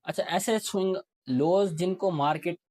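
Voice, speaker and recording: A man's voice: high-pitched, moderate pace, a little mellow, dry recording. Man teaching chart trading, quizzing himself. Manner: asks himself questions and answers them; explains while marking a chart. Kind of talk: casual explanatory lesson.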